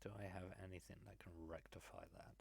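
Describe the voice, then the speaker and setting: A man's voice: deep voice, steady tone, fast talker, gravelly, slight background noise. A man playing a tabletop game, often exasperated, groaning and swearing in character. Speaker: player.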